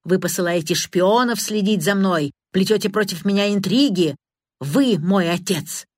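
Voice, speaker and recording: A frantic young man, hysterical and raving, hurling accusations in a higher, louder voice, as a woman reads him in a storybook. The sound is close and dry. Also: normal speed, dry recording. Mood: raging, frantic.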